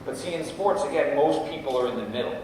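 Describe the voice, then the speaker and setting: A middle-aged guest speaker with a fairly high, slightly mellow voice talks fast and expressively to parents in a school auditorium. He shares stories and often checks in with "right?", while the distant room mic makes the hall sound echoey and noisy.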